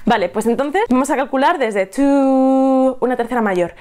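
A woman from leads a singing lesson to camera. Her voice sits a little high, and she explains things in a chatty way, checking in with the viewer as she goes. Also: animated, fast, a little mellow. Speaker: singing teacher. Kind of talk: tutorial to camera.

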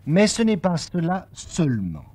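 A man's voice: on the high side, wildly swooping pitch, a little slow, darkish tone, a little hiss or hum. A man narrating a television documentary report in a lyrical, playful, polished manner.

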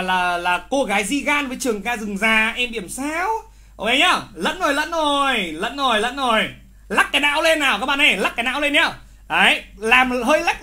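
A male literature teacher running a live online exam review, lively and teasing, who repeats key words and scolds wrong answers with exclamations. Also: very high-pitched.

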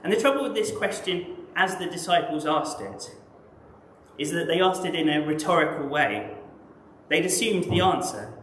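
A man with an English accent delivers a sermon in a church, his voice sitting a little higher than most men's. He speaks in a measured, reflective way and often poses rhetorical questions. The room around him is echoey, with a faint hum of ambience. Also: expressive, a bit bright. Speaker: preacher.

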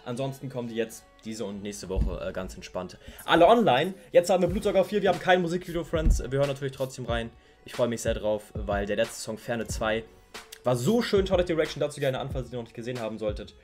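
A man hosting a reaction video, chatting casually and upbeat, often pausing on fillers. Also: medium pitch, very animated, a little mellow, soft background music.

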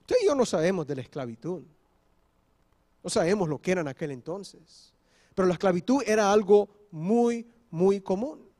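A man's voice: high voice, animated, moderate pace, warm tone. A male pastor preaching a sermon, explaining step by step and often checking in with the congregation. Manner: switches briefly into English. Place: church.

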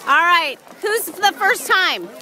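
A woman's voice: extremely high pitch, sing-song, slow, pushed and bright. A woman doing casual on-the-spot interviews outdoors, upbeat and encouraging with the people she questions. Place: outdoors at a crowded public event. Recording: outdoor event with crowd chatter.

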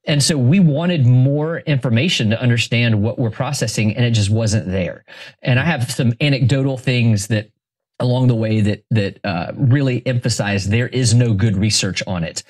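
A man from Florida, a pastor and author, talking as a guest in a casual interview and telling stories with quick asides. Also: mid-range voice. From Florida, USA. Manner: animated storyteller, quick asides, self-correcting.

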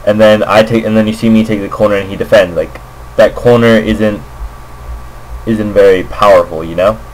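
On the low side and somewhat dark, this man's voice holds steady at a normal speed. As an amateur Go commentator, he hesitantly reasons aloud in casual, unplanned remarks over a screen recording made indoors at his computer. A makeshift microphone produces low-quality audio with slight background noise.

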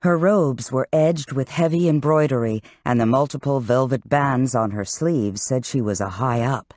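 An audiobook narrator reading a fantasy novel with expressive, varied delivery. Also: medium pitch, moderate pace, no echo, studio quality.

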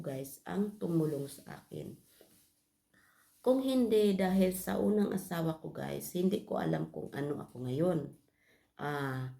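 Filipina vlogger, low gravelly voice, confiding personal story to viewers. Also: female voice, dark tone. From Philippines. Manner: confiding, addresses viewers as guys often.

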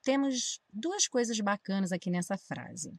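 A woman's voice: mid-range voice, animated, measured pace, dry recording. A woman, an English teacher patiently explaining grammar to viewers and checking that they follow.

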